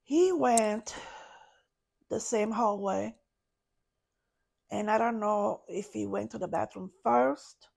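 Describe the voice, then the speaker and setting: A woman, a podcast guest, recounting a personal story in a halting way, searching for words. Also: mid-range voice, gravelly, darkish tone. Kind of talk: personal story told in an interview.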